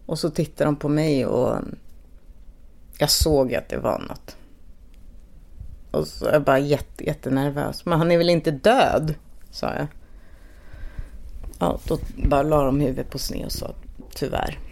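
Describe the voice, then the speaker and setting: A middle-aged woman telling her own story in a documentary podcast, speaking haltingly with pauses and restarts. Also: deep voice, fairly even intonation, vocal fry, a little mellow. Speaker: interviewee, bereaved mother. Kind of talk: personal testimony in a documentary podcast.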